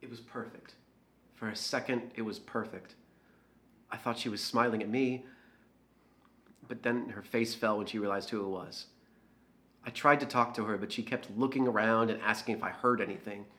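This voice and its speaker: A man's voice: lowish voice, fairly even intonation, moderate pace, pauses often, bright, forceful tone. An actor playing a resentful, slightly drunk man, confessing in a dramatic monologue. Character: resentful, tipsy man who frightens a woman.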